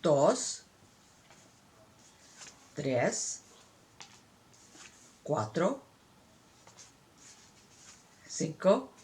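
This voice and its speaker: An older woman, a grandmother, chatting and teaching counting to a grandchild on a phone video. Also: lowish voice. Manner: warm, chatty, sing-song counting.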